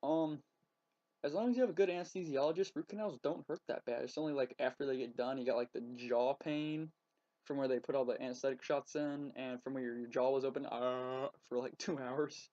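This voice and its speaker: A teenage boy chats into his laptop webcam at home, his voice sitting at an ordinary middle pitch. He rambles and stalls, filling gaps with ums and likes. The lo-fi laptop audio sounds a little dull and muffled. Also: steady tone, a little fast, dark tone. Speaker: vlogger. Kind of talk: casual webcam vlog. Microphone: laptop webcam mic.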